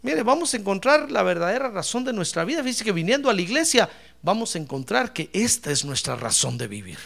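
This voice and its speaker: A pastor with a high, creaky, sing-song voice preaches fiercely at a brisk pace, shouting out praise and calling his listeners brother.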